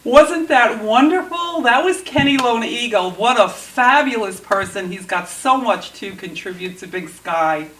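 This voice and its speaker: A woman's voice: on the high side, expressive, a little slow, few pauses, a bit bright. A woman roving reporter hosting on-location interviews, speaking in a gushing, effusive way. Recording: distant mic, faint noise.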